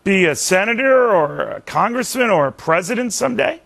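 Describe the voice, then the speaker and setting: A man's voice: sits high, lively intonation, normal speed, vocal fry, a bit bright. A man hosting a television interview in a conversational broadcast style, often backtracking and repeating his words. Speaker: TV news interview host.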